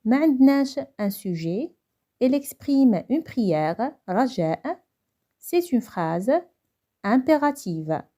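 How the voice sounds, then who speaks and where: Young Moroccan woman, teacher; patient lesson delivery with a mellow tone. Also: on the high side, very animated. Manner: explains slowly, then repeats each point in Moroccan Arabic. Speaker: French teacher. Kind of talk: bilingual grammar lesson.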